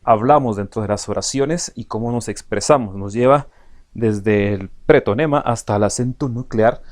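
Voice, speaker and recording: A man's voice: mid-range voice, darkish tone. Man teaching with frequent hesitations. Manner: explanatory, frequent "eh" fillers; addresses students directly. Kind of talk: recorded online lecture.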